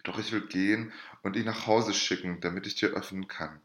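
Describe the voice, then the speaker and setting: A man's voice: sits low, fairly even intonation, normal speed, a bit bright, echoey room. A man reading aloud and voicing a scheming, mocking noblewoman who speaks with feigned sweet sympathy. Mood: mock concern.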